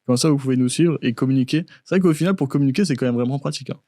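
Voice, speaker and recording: Captured with a studio podcast mic in dry, close sound, this male co-host talks very fast in a warm, mid-range voice. He keeps the casual conversation upbeat and encouraging, sprinkling in plenty of tag words.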